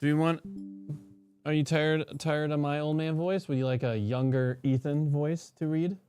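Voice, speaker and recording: A man with a smooth, clean voice, heard close and dry with no room sound. He chats casually while gaming, then reads scripture aloud and breaks off into animated, joking asides. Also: a little high, normal speed, no room sound, faint music behind. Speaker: streamer.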